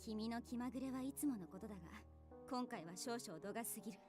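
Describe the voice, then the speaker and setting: A woman's voice: a little high, rapid-fire, natural voice. An actress playing a stern, authoritative female chief detective in a Japanese video game. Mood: harsh warning. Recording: game audio with loud music.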